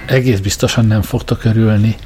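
Brief: male reader voicing a grand, patient computer with pompous dignity, low-pitched. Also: fairly even intonation, warm tone, soft background music, natural voice. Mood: solemn. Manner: dignified, slow and orotund. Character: vast solemn supercomputer, male, grand and patient.

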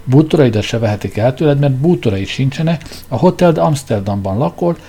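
Scornful storybook king, declamatory and loud, read by a man; warm, husky tone. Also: medium pitch, lively intonation. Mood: mocking. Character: scolding, proud exiled male king.

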